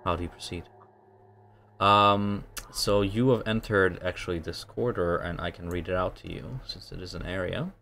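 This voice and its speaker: A man narrating a tabletop role-playing game as game master, setting scenes in a halting, descriptive way. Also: deep voice, creaky, sharp tone, slight background noise.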